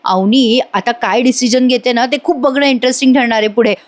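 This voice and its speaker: A woman's voice: a little high, fairly even intonation, fairly quick. Chatty woman recapping a serial. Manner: chatty, addresses viewers directly. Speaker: serial reviewer. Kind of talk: voice-over episode recap.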